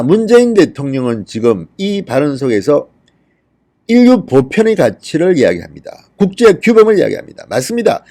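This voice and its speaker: A man's voice: a little high, warm tone. A middle-aged man hosting a political commentary monologue, indignant and firing off rhetorical questions. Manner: indignant, rhetorical questions, reads quotes aloud.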